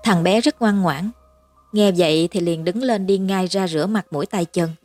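A woman reading a Vietnamese-language horror story aloud in a steady, measured narration. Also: fairly low pitch, no echo, soft background music.

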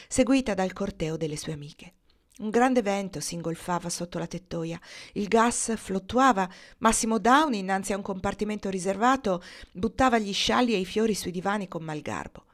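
Woman, audiobook narrator, expressive reading, raises pitch for dialogue. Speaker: audiobook reader.

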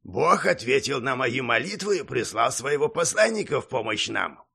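A patient old monk speaks slowly and evenly, as a man puts him on. His voice is heavily gravelly and husky, pitched somewhat higher than a plain voice, and it rises and falls in a lively way. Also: heavily acted. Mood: calm measured. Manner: calm, measured. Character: calm old male monk, sober and patient. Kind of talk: audiobook character voice.

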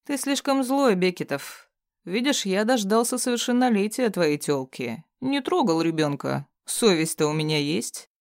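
A crude, sneering male thug, tied up and bloodied, jeers in a strained voice pushed well above the reader's own. A man acts him out, loud and mocking, recorded close and dry in an audiobook. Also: high voice, lively intonation, normal speed, no echo, pitched above the performer's own voice. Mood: taunting.

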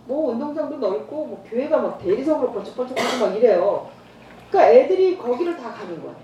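Recorded at a distance in a roomy church hall with faint background noise and the highs cut off, a middle-aged evangelist speaks at a quick pace in a slightly high voice. She tells stories during a church training talk, bringing the dialogue to life with lively character voices.

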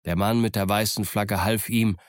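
A man narrates a novel in a calm, even storytelling voice. His voice sits on the low side, and the recording is close and dry. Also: moderate pace, no room sound. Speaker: audiobook reader. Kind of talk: scripted narration.

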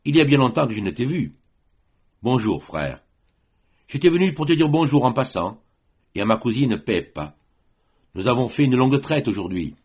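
A man voicing a boastful gendarme sergeant who greets people loudly and with too much friendliness. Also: medium pitch, sing-song, moderate pace, pauses often, slightly rough. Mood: friendly. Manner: hearty, loud, overly friendly.

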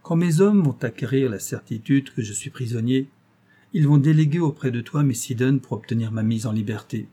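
A man's voice: mid-range voice, a little fast, dark tone, slightly rough, lightly acted. A man voicing a gloating, cruel master criminal in an audiobook, taunting and menacing. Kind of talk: audiobook reading.

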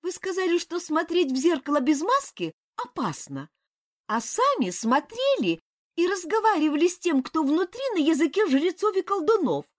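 A woman reading the part of an excitable, indignant young princess in an audiobook. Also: moderate pace. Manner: high, breathless and reproachful.

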